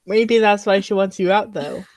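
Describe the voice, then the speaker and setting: A young woman co-hosting a podcast, chatting casually and telling a story with frequent laughs and filler words. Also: mid-range voice. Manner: chatty storyteller, laughs often, says "anywho". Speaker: podcast co-host. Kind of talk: casual chat.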